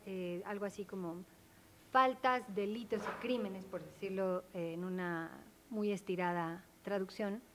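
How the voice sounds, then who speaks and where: A woman speaking on a panel, explaining her points earnestly and with emphasis. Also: mid-range voice. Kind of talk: academic panel discussion.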